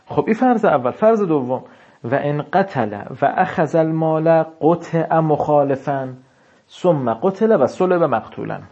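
A man giving a seminary lecture on religious law. He reads classical text out slowly, then explains it in casual speech. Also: fairly high pitch, lively intonation, mellow, muffled recording.

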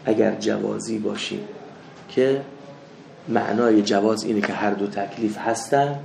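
A man teaching a seminary lesson, mixing anecdotes with doctrine, swinging from loud rebukes to soft asides. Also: on the low side, fairly even intonation, vocal fry, a little hiss or hum. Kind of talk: religious lecture with anecdotes. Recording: echoey room with faint ambience.

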